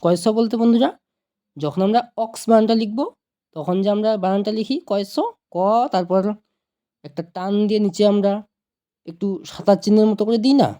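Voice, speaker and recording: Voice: mid-range voice, normal speed, pauses often, mellow. An online teacher giving an explanatory video lesson, patiently repeating points, checking understanding and addressing viewers as friends.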